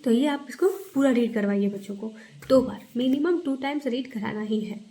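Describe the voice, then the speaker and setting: A woman teaching a phonics lesson to parents, reading syllables aloud one at a time in a slow, patient way. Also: a little high, mellow. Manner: explains to parents, then models sounds.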